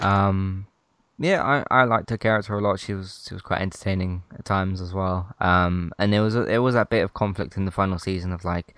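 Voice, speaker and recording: A man's voice: deep voice, fairly bright tone, dry recording, clean studio sound. A man in casual chat reviewing a TV series, rambling a little and restarting his sentences. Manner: rambling, restarts often, chuckles between points. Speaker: podcast co-host.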